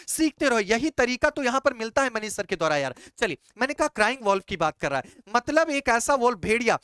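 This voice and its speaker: A young man explains exam idioms to his students in a lively, chatty way. He keeps asking questions aloud and answering them himself, calling listeners brother and child. His voice is smooth and crisp, recorded close and dry. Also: extremely high pitch, no room sound. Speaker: English exam teacher.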